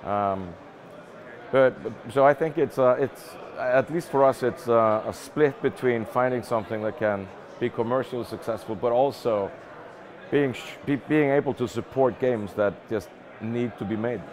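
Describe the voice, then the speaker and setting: A middle-aged Icelandic man, a game publishing executive, answers interview questions casually in a mid-range voice at normal speed, thinking aloud and repeating words. A busy event crowd can be heard behind him.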